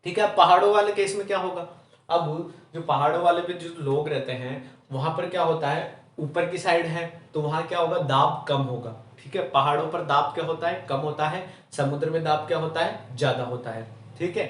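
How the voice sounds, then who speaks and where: In an echoey room picked up by a far-off mic, a Rajasthani man teaching chemistry speaks briskly in a higher-pitched voice. He raises rhetorical questions, supplies the answers himself, and caps nearly every point with "theek hai." He is from Rajasthan, India.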